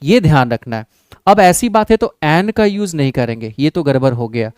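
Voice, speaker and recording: A man teaching an exam-prep English grammar lesson with an Indian accent, often checking in with his class and reading English sentences out slowly. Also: a little high, big pitch swings, darkish tone, smooth, no echo. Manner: checks in with the class, calls students "babu" and "bhai".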